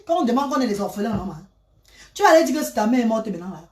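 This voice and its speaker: A woman tells her story dramatically, repeating herself and swinging from loud to hushed. Her voice sits fairly high and sounds roomy, recorded from a little way off the mic. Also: big pitch swings, very fast. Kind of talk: emotional personal storytelling. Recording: roomy, from a distance.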